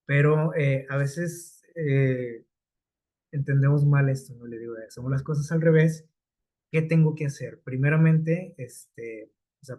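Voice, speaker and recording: A man's voice: mid-range voice, dark tone. A man preaching a sermon in a conversational way, often checking in with his listeners through rhetorical questions.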